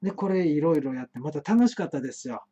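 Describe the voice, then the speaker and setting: Kansai man hosting a live stream; rambling storyteller, trips over his words, swooping pitch. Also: animated, fast, mellow, husky. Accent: Kansai Japanese. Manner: chatty, frequent stammered restarts and fillers. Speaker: host of an internet talk show. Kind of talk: rambling solo monologue, storytelling. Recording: muffled live-stream audio.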